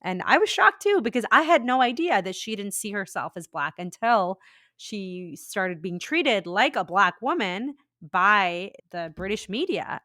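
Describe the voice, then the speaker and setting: A woman from India hosting a podcast, talking in a reflective, animated way. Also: lowish voice, no room sound, studio quality. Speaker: podcast host. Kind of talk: conversational podcast interview.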